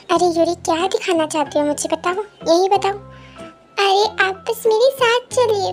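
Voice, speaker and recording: A squeaky, very high little-girl voice that tugs and pleads, as a woman puts it on. It is a fan audio drama with light music behind. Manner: pleading and excited.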